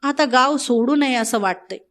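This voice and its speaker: A woman's voice: high voice, normal speed, fairly bright tone. A woman reading the part of an anxious village man pleading in rustic dialect.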